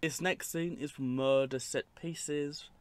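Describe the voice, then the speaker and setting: A man's voice: fairly high pitch, fairly even intonation, unhurried, clear, resonant tone, dry recording. A man giving casual, unscripted commentary over clips, rambling and matter-of-fact with dry asides. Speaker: narrator of a film clip compilation.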